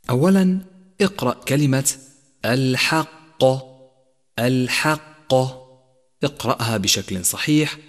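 A man leading a practical tajweed lesson, addressing listeners and stressing each numbered point. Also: mid-range voice. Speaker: Quran recitation teacher. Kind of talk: scripted tajweed lesson narration. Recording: long reverb, echoey.

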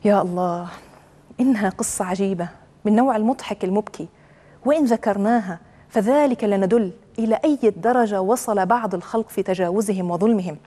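A woman giving a measured, earnest religious talk, telling stories to make her point. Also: medium pitch, dark tone. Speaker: religious speaker.

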